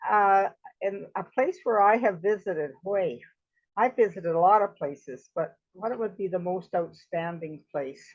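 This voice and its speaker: A woman's voice: medium pitch, unhurried. Woman, hesitant, casual, muffled call audio. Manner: hesitant, thinking aloud. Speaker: organizer. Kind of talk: casual group chat. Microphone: video call. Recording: dull video-call audio.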